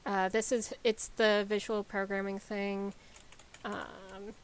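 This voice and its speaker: A woman game developer talking casually on a live stream, rambling with lots of ums and likes as she explains software. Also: mid-range voice, gravelly, poor audio.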